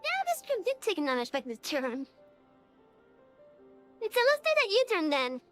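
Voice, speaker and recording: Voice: very high voice, wildly swooping pitch, moderate pace, a bit bright, faint music behind. A game streamer talking through a real-time voice changer in rambling casual chat, full of fillers and restarts.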